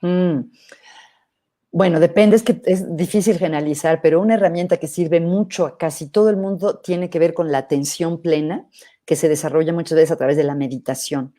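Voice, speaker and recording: A middle-aged woman psychologist, answering questions in a thoughtful, measured way with hesitant restarts. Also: deep voice, mellow. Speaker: psychologist guest. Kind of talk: live interview answering questions.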